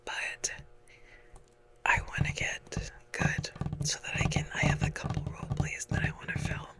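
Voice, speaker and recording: A woman whispering softly and breathily in a casual, halting, self-deprecating ASMR ramble. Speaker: ASMR content creator.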